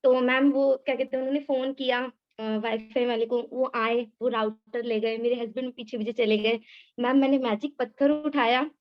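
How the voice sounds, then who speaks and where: A woman's voice: high voice, dull audio. A woman eagerly sharing a personal story on a video call, talking nonstop and calling the host ma'am. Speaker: participant sharing her experience.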